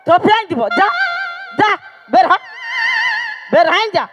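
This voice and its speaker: A woman's voice: extremely high pitch, expressive, unhurried. A woman with a Purulia Bengali accent playing a wife of twenty years, scolding her husband sharply and waving him off on a village comedy stage. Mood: exasperated. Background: loud folk stage music.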